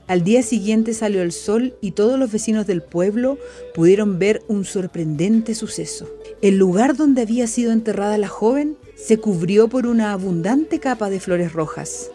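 A woman narrating a legend for children in a gentle, unhurried way. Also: mid-range voice, animated, soft background music. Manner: slow, gentle storytelling. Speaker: school radio presenter.

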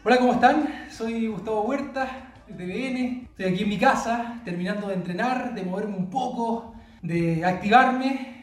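A man's voice: high voice, normal speed. Upbeat Chilean man, roomy and distant. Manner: upbeat, encouraging. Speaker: former student sending greetings. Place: his home.

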